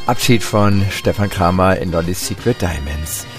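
A man's voice: low voice, normal speed. A man presenting an archive series in casual retrospective narration. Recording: faint guitar music behind.

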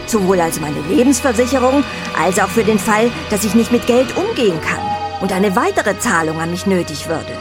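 An actress playing a haughty, condescending blackmailer in a crime audio play. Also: female voice, mid-range voice, big pitch swings, normal speed, music in the background, natural voice. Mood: smug. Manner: haughty, mock-civil. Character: smug, condescending female blackmailer.

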